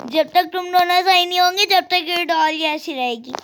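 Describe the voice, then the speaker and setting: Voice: extremely high pitch, moderate pace, fairly bright tone, a little hiss or hum. A girl voicing a stern, fussing mother who scolds her quarrelling daughters in a toy life-sim game role-play. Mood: scolding. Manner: bossy, fussing.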